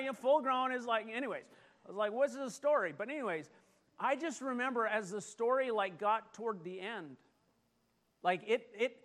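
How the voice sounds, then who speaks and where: A middle-aged man preaching a sermon, animated and self-deprecating as he tells personal stories. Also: high voice. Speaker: pastor.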